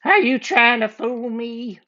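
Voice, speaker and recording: A man voicing a mean, gruff cowboy outlaw with a drawl in a storybook reading, on a muffled lo-fi recording. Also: very high-pitched, animated, takes it slowly, sharp tone, voice pushed up, exaggerated voice. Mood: suspicious.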